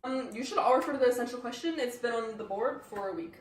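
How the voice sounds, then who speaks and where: A woman's voice: on the high side, fast, slight background noise, natural voice. School skit teacher, male role played by a teen girl, lecturing and exasperated; echoey, distant mic. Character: fussy male history teacher, easily exasperated.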